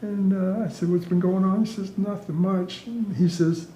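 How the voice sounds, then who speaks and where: A retired air traffic controller, an older man, tells anecdotes casually and with amusement, chuckling and acting out dialogue. His high voice has a dark tone, a flat delivery and a moderate pace, in a roomy, echoey recording.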